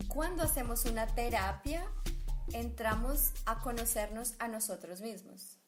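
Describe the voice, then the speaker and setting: A woman co-hosting, explaining Spanish words to learners clearly and carefully. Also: fairly high pitch, unhurried, music in the background. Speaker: Spanish teacher and co-host.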